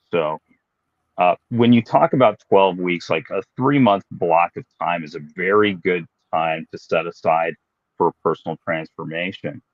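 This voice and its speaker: A deep-voiced man in his late fifties talks through his fitness journey with easygoing, self-mocking humor. The sound is dry and a bit dull, as if recorded close in a dead room. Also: no room sound. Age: 50s. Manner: relaxed, self-deprecating, explanatory. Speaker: guest, fitness professional. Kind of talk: casual interview storytelling.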